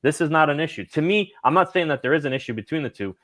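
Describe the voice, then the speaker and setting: A man's voice: a little high, expressive, fast, a bit bright, no room sound. Man musing aloud on a podcast. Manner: thinks aloud, repeats and restarts words. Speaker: podcast co-host. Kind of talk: casual football podcast chat.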